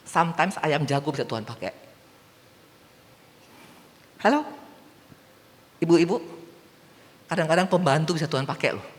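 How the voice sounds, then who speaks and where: A woman evangelist giving a sermon in a large church, telling stories and putting questions to the congregation. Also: deep voice. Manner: lively storytelling, asks the congregation questions. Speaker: evangelist preacher. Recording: long church-hall reverb.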